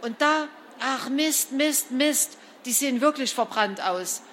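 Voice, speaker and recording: A woman's voice: high-pitched, lively intonation, takes it slowly, a bit bright, a little hiss or hum, heavily acted. A woman reading a storybook aloud, voicing a flustered mother who talks in a panicky, agitated way. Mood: panicked. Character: flustered, tearful mother, middle-aged.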